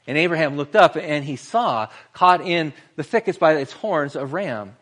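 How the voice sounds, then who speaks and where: A man preaching a sermon in an earnest way, slowing down and pausing for emphasis. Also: a little high, expressive, a bit bright. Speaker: pastor.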